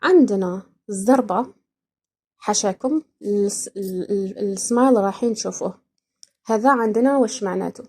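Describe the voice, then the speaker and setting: A woman's voice: medium pitch, fairly quick, long pauses, a little mellow. A young woman from Iraq with an Iraqi accent, hosting a podcast and chatting casually and playfully, laughing often. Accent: Iraqi, speaking Algerian dialect. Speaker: podcast host. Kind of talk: casual explainer chat.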